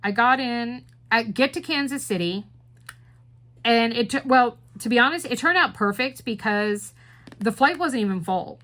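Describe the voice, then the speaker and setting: A woman's voice: fairly high pitch, moderate pace. Chatty woman telling a story to viewers. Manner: chatty and expressive, with swings in volume; speaks right to viewers. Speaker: crafting channel host. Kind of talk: casual storytelling chat.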